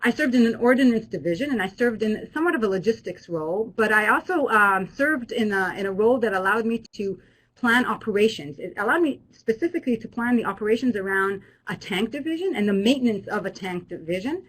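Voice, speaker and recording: A woman's voice: medium pitch, expressive, fairly quick, fairly bright tone, husky, low-quality recording. A woman professor who grew up in Israel, hosting an online alumni webinar in a friendly way with many fillers and restarts. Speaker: business school professor.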